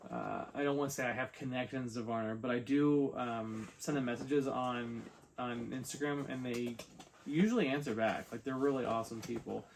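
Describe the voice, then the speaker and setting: A man's voice: mid-range voice, slight background noise. A man reviewing toy figures in a casual unboxing chat, wry and exasperated.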